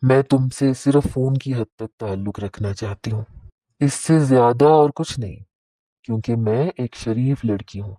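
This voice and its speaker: A man's voice: mid-range voice, dark tone, no echo, close to an everyday voice. A man reading a guarded young wife. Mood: firm. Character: young married woman, proud and guarded.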